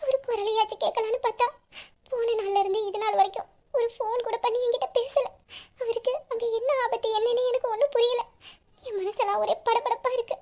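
A woman's voice: very high-pitched, mellow. A young woman voicing a devoted wife who tearfully pleads for her absent husband in an audio drama. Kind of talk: emotional audio drama acting.

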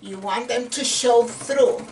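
A woman's voice: a little high, slow, a little mellow. A middle-aged woman giving a casual painting lesson, encouraging and chatty, sometimes dropping to a whisper as she works. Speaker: painting instructor. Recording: distant camera mic with faint room noise.

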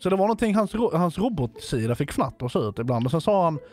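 A man retelling the day's events to fellow players in a casual role-play game. His voice is a touch high and very animated, and he often stumbles and repeats words as he goes, with faint music under him. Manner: rambling, repeats words while explaining. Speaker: streamer playing a Minecraft roleplay server.

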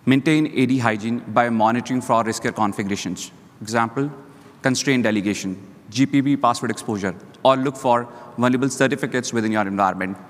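A male security leader on a conference panel talks fast in a medium-pitched voice, laying out his points in a structured, list-like way. He wears a lapel mic, and the hall echoes.

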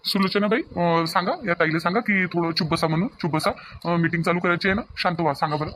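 A man's voice: high voice, fairly even intonation, fast, fairly bright tone, slight background noise. A man voicing a businesslike loan officer in a village cartoon, explaining terms with a Varhadi Marathi accent.

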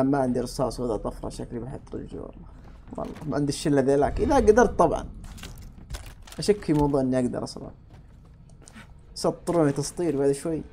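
A man commentating casually on his own gameplay, talking to viewers and yelling at enemies. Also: medium pitch, slight background noise. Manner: excitable, talks to himself and viewers, shouts at enemies. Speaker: gameplay streamer.

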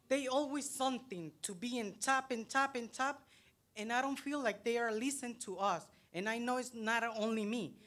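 Her voice fairly high, a middle-aged parent raised in El Salvador, now from the United States, offers a plain public comment in a library auditorium. She holds a handheld microphone and speaks halting English with a Salvadoran Spanish accent, earnest and full of searching pauses.

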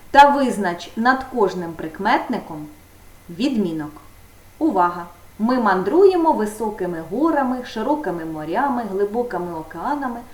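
A woman teacher dictating a grammar exercise to young pupils, drawing out each case question slowly and clearly. She sounds set back from the microphone, with a noticeable echo from the room around her. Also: fairly high pitch, distant mic, a little hiss or hum. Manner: slow, drawn-out emphasis on case questions. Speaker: primary school teacher. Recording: echoey room, voice from off-mic.

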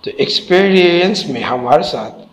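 A man's voice: fairly high pitch, expressive, a little slow, rough recording. A man teaching a textbook lesson, spelling out letters and repeating each word carefully.

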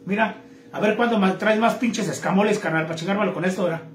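Brief: high-pitched Mexican man, crude slang, live-stream joke teller, echoey room with faint noise. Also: quick pace. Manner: crude slang, chatty, greets viewers. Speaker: streamer telling jokes.

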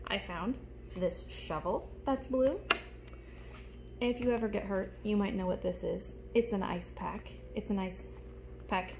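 Holding a phone close in front of her in a small room at home, a young woman teacher gives small children a show-and-tell lesson, keeping her explanations simple and expressive. Her mid-range voice is gravelly and measured, and background noise can be heard.

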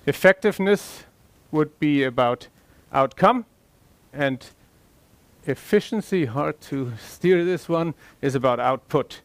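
A man's voice: a little high, dry recording. A middle-aged man from Denmark, an agile coach, speaking on a conference stage in a conversational way with fillers and restarts. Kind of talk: conference talk. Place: large conference hall stage.

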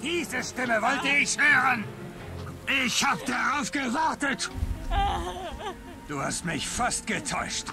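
A man's voice: very high voice, expressive, exaggerated voice. An actor playing an unhinged, menacing male killer in dubbed video game dialogue, snarling and intense. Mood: obsessive menace. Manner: snarling, then slow and intense. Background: game score music.

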